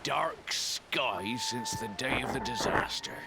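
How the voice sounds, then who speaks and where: An actor playing a gruff but kindly old sailor-like man in a video game, with folksy, weary speech and a gravelly voice. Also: mid-range voice, takes it slowly, heavy background noise. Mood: hearty, gloomy. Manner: folksy, old salt's dialect. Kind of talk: video game character acting. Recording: game music behind. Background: game music.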